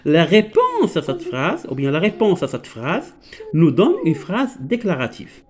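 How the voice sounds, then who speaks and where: Moroccan male teacher, higher voice with an animated lilt, patient "alors"-filled grammar lesson for kids. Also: unhurried. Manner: switches between French and Moroccan Arabic, explains patiently with many "alors". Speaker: primary school French teacher.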